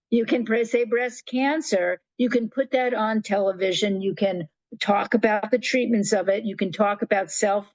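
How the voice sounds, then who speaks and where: A woman's voice: mid-range voice, no echo, highs cut off. An older woman telling stories as a guest in a conversational interview, restarting sentences and acting out quotes. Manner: animated storyteller, acts out quotes, restarts often. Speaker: guest, nonprofit founder.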